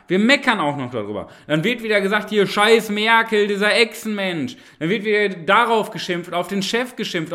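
A man's voice: fairly high pitch, pushed and bright. A man hosting a podcast, delivering a preachy, emphatic motivational monologue and repeating phrases with rhetorical tag questions. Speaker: podcast host.

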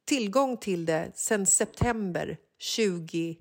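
A woman in her forties co-hosts a relaxed chat, spinning an embarrassing story with real animation. She slips into a higher, flustered voice whenever she quotes herself or others, then drops back into her easy middle-pitched talk. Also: creaky. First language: Swedish. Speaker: podcast co-host. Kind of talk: casual chat.

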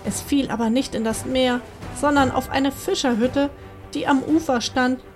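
A woman reads a bedtime fairy tale aloud to children. Her voice sits a little high and she keeps a calm, measured storytelling pace. The reading is steady and unhurried. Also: faint music behind. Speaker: narrator.

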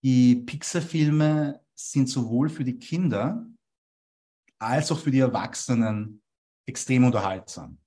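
A young man from Vienna speaks slowly in a mellow, mid-range voice. As an interview guest, he explains copywriting ideas, and he often adds a questioning "ja?" to his statements to check in.

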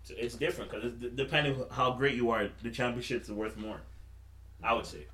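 A man's voice: medium pitch, fairly even intonation, fairly quick, bright, forceful tone, distant mic. A man hosting casual sports banter in a slangy, profane, frat-bro teasing manner. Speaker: podcast host. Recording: roomy, off-mic, faint noise.

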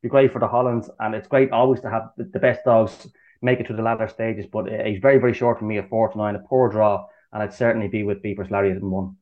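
A man giving racing tips over the phone in a brisk, matter-of-fact way. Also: on the low side, flat delivery. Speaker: racing pundit. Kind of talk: casual betting chat. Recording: tinny phone line.

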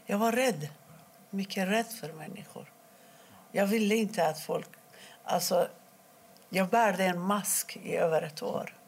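A middle-aged woman from Iran, telling her own story in an interview, quietly and haltingly, with many pauses. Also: medium pitch, vocal fry, slightly rough. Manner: halting, quiet and emotional, pausing often. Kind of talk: personal testimony interview.

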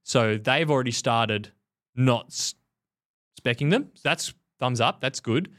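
A man's voice: mid-range voice, takes it slowly, a bit bright. A man co-hosting a cycling podcast, talking in blunt, casual chat and laughing often. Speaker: podcast co-host.

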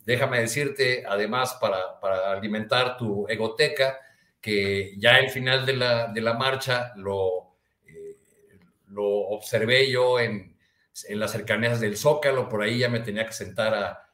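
A man with a Mexican Spanish accent, a columnist guest chatting casually and haltingly, with many restarts and fillers. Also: fairly low pitch, sharp tone, reverberant. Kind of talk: casual chat.

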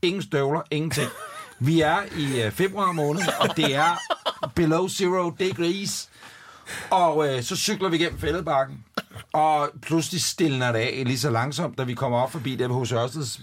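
Male guest, spirited anecdote style, laughs as he talks. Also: medium pitch. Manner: animated anecdote telling with laughter and acted-out voices. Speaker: podcast guest, father. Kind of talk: casual storytelling.

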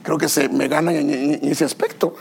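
A man's voice: on the high side, steady tone, normal speed, vocal fry, darkish tone, slight background noise. A man, a pastor preaching a sermon to his church, telling self-deprecating stories and asking the congregation questions. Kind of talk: sermon with personal anecdotes. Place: church service.

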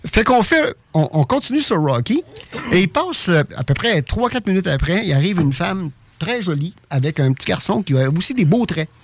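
A man with a Québécois French accent tells a personal story in a casual, animated way, stumbling over and repeating his words. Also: high voice, normal speed, a little hiss or hum. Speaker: guest telling an experience.

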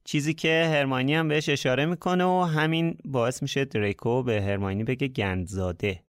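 Smooth-voiced man discussing a book. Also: mid-range voice. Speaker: podcast co-host. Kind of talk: casual chat about a book.

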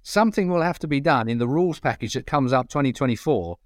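A man's voice: medium pitch, animated, fast, no echo. Give me a middle-aged Essex man, an emphatic, plain-spoken pundit, recorded dry. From Essex, England. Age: middle-aged or older. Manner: blunt, colloquial, emphatic. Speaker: motorcycle racing pundit. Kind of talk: opinionated casual panel talk.

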